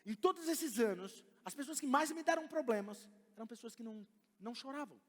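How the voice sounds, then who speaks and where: Animated preaching man, high voice, hall echo. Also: a little fast. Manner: animated, conversational preaching, swings between loud emphasis and quiet asides. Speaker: pastor. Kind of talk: sermon. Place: church sanctuary. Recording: church hall reverb.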